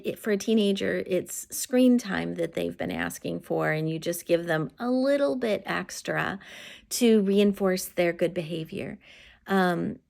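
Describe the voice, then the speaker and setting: A woman's voice: mid-range voice, gravelly. Earnest woman giving parenting advice. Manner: gentle, earnest, bright sing-song when quoting praise to a child. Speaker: homeschooling advice host. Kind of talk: casual advice talk to camera.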